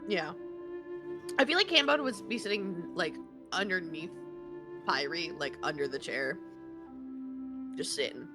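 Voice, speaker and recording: A woman's voice: fairly low pitch, animated, unhurried, pauses often. A woman chatting casually and playfully, with slang, as a player in a tabletop game. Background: background music.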